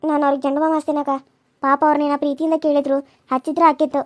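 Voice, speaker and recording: A woman voicing a gentle young village woman in a cartoon serial, speaking in a North Karnataka accent with a soft, coaxing manner. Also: sits high, flat delivery, racing, no room sound, lightly acted. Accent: North Karnataka Kannada.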